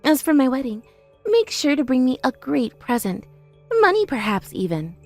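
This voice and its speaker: A woman's voice: high voice, big pitch swings, normal speed, darkish tone, faint music behind, heavily acted. A woman playing a boastful, mocking older sister in her thirties in a scripted audio story, with a haughty, taunting manner. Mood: smug. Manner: haughty, taunting, self-praising.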